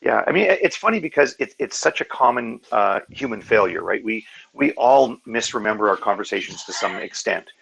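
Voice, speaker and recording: A man's voice: fairly low pitch, animated, brisk, gravelly, few pauses, a bit bright, slightly rough, poor audio. A man in a casual video call discussion, talking earnestly and working through his points step by step. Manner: earnest, analytical, full of fillers and restarts. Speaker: hangout guest.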